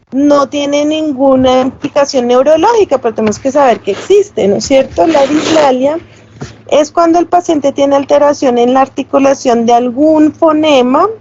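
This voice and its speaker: A high-pitched woman teaches a class, explaining terms patiently and asking her students if they follow. The sound is a little dull and lo-fi, picked up by a computer mic. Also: a little mellow. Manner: explanatory, checks with tag questions. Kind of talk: online class lecture.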